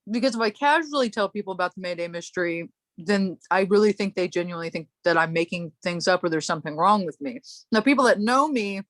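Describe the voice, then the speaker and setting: A woman's voice: mid-range voice, a bit bright, dry recording. A woman hosting a casual chat, telling a long story in a rambling way, breaking off and laughing often. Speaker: podcast host.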